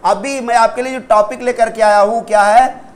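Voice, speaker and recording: A man from India teaching spoken English in a live online class, drilling short phrases slowly and repeating each one several times. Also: very high voice, steady tone. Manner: calls on viewers by name in a friendly way.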